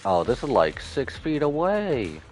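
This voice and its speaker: A gaming streamer gives casual, playful playthrough commentary, often exclaiming and reading the game's dialogue aloud. His mid-range voice swings hugely in pitch, stays unhurried, and carries a darkish tone, with faint music in the background.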